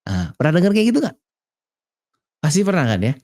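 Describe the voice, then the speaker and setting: A man's voice: on the high side, wildly swooping pitch, a little fast, a little mellow. A young man from Indonesia giving a chatty, conversational sermon to a youth community, mixing in slang and English words. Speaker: preacher. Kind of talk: casual sermon.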